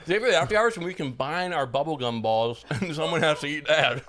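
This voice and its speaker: A man's voice: on the high side, animated, a little fast, fairly bright tone. A man in his twenties co-hosting a podcast, chatting casually, joking and rambling with frequent laughs. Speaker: podcast co-host. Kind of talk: casual chat.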